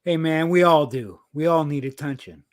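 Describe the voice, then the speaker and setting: Blunt cussing guy in his 50s on a video call, a bit high, bone dry sound. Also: normal speed, no room sound. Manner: blunt and profane, swings from calm to heated. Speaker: livestreamer sharing news of predator cases. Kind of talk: casual livestream chat.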